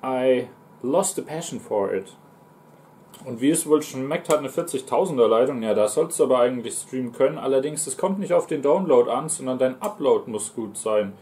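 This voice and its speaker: A man's voice: mid-range voice, animated, normal speed, warm tone, slight background noise. A man in his twenties with a German accent, chatting casually on a livestream and answering viewers while he eats. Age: 20s. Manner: talks between mouthfuls, reading out and answering chat. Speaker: streamer and mukbang host. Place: small living room, indoors on a sofa.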